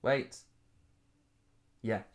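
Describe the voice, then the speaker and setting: A man in his thirties with a northern English accent, hosting an informal live stream and chatting in a rambling, self-deprecating way. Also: very slow. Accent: Northern English, Rotherham. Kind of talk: casual live-stream chat.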